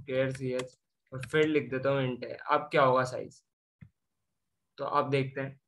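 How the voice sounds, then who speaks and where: Man, young adult, coding tutor, slightly high voice, flat even tone, self-answering explanations. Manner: explains step by step, asks and answers own questions. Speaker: programming tutor. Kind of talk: screen-share coding lesson.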